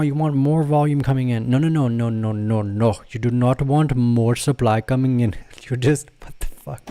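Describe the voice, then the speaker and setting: This man hosts a crypto trading livestream, speaking to viewers and reading their comments while he goes over the charts. His mid-range voice is warm, his delivery rambling and full of self-corrections and laughter, with no room sound in the audio.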